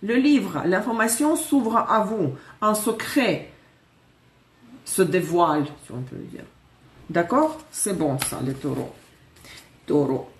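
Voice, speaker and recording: A woman's voice: mid-range voice, expressive, slow pace, long pauses, echoey room, recorded from a distance, slight background noise. A woman from Russia with a Russian accent, chatting casually through a live tarot reading, correcting herself and joking as she goes. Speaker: tarot reader.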